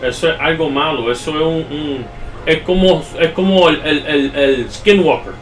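A man's voice: fairly high pitch, normal speed. A man hosting a casual chat, explaining things in a lecturing way with many restarts. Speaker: podcast host. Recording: echoey distant mic with faint music.

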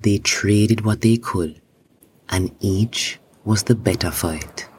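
A man narrating a children's story in a slow, even storybook reading. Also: fairly low pitch, slight background noise.

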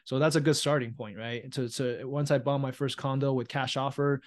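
A man's voice: mid-range voice, fairly even intonation, moderate pace. Reflective man from Taiwan. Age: 30s. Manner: reflective, often asks "right?". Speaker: guest, real estate investor. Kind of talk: casual interview chat.

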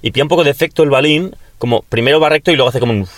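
A young man with a Peninsular Spanish accent, his voice at a middle pitch for a man. He tells his stories in an excitable, boastful way. The talk is casual podcast chat among friends. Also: racing, no echo. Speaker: podcast co-host.

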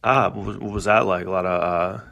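A man's voice: low voice, fairly even intonation, a little fast, vocal fry, sharp tone, lo-fi sound. A man from New York hosting a podcast over a video call, loose and joking with plenty of fillers. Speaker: podcast host. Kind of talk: casual podcast chat.

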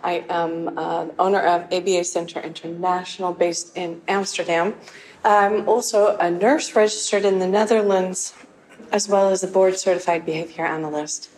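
A middle-aged woman, a clinic owner and nurse, introducing herself carefully, with pauses. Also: fairly low pitch, steady tone, darkish tone, a little hiss or hum, poor audio. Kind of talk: self-introduction.

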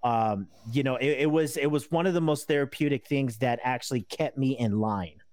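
A man in his thirties talking casually as a guest, rambling and halting with many fillers and restarts. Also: medium pitch, darkish tone, no echo. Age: 30s. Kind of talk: casual conversation.

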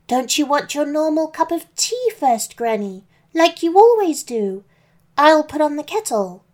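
A woman voicing a cheerful, innocent young girl who asks bright, curious questions. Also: high-pitched, very animated, unhurried, pitched above the performer's own voice. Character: cheerful sweet young girl, Little Red.

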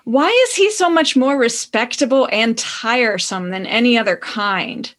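A woman's voice: on the high side, normal speed, fairly bright tone, lightly acted. A woman reading the lines of a bored, dryly polite male newspaper editor in a storybook.

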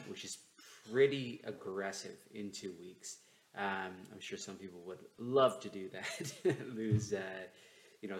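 A man with a deep voice hosts a casual solo podcast, his enunciation a little stiff because his jaw is sore and numb. He uses a newly bought microphone, not the laptop mic. The home recording sounds roomy and echoey, with slight background noise.

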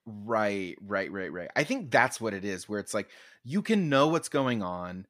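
A man's voice: lowish voice, very animated, measured pace, a bit bright, dry recording, studio quality. A man co-hosting a comedy podcast, talking casually with lots of restarts and playful mock quotes of his own thoughts. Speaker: podcast co-host. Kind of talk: casual chat.

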